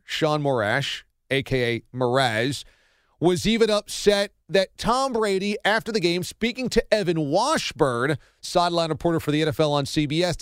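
A man's voice: a little high, clear, resonant tone, no echo, studio quality. A man hosting a sports radio show, giving sarcastic, opinionated commentary.

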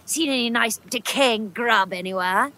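A woman's voice: fairly high pitch, measured pace, sharp tone. A woman voicing small cheeky creatures, a gross-out fly and a sleepy worm, in a children's audio story, chirpy and relishing. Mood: gleeful.

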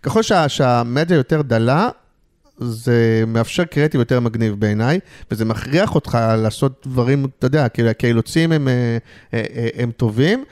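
A man's voice: mid-range voice, darkish tone. A man talking as a guest in a casual interview, hesitant, with many fillers and restarts. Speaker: guest, advertising creative.

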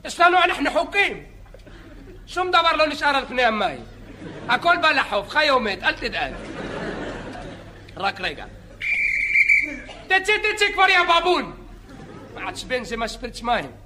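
A man doing a high-pitched bragging lifeguard. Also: very animated, pauses often, a crowd in the background. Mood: boastful. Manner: rambling, joking, shouting at bathers. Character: boastful chatty male beach lifeguard. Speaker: comedian performing a sketch. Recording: live audience laughter and noise. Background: audience laughing.

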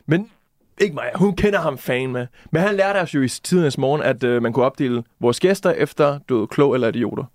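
A man's voice: mid-range voice, dry recording, clean studio sound. Rambling, enthusiastic male host. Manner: rambling, enthusiastic, mock-boisterous. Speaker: radio podcast host. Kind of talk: casual studio banter. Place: radio studio.

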